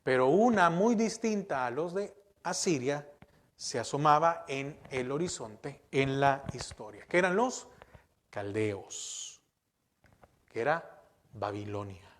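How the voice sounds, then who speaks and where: A man's voice: mid-range voice, expressive, slow. A middle-aged man preaching a sermon as pastor, speaking emphatically and asking the congregation questions. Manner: emphatic, repeats words and restarts.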